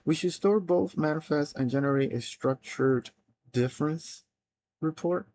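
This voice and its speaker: A developer streaming live, whose first language is Spanish, reads his plans aloud and thinks them through haltingly, with frequent restarts and trailing phrases. His voice is a little high with a darkish tone.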